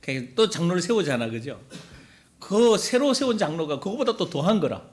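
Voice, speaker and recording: A pastor in his middle years delivers a sermon in a chatty back-and-forth way, tossing questions to his listeners and playing out grumbles in little voices. His voice sits high for a man and swings widely up and down. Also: sing-song, normal speed. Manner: conversational preaching, asks the congregation questions and acts out quoted complaints.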